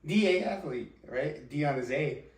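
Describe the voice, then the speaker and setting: A man's voice: on the high side, animated, normal speed. A young man co-hosting a podcast, bantering casually in a crude, rambling, jokey way. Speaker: podcast co-host. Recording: echoey room, distant from the mic.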